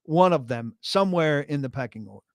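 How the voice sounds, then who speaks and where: A man's voice: on the high side, expressive, fairly quick, dry recording. A man from New Jersey co-hosting casual sports talk radio in a blunt, contrarian way.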